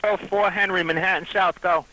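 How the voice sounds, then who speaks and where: A man's voice: high voice, fairly even intonation, brisk. A man working as an emergency dispatcher, giving procedural directions over a two-way radio. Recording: slightly noisy emergency radio channel. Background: radio noise.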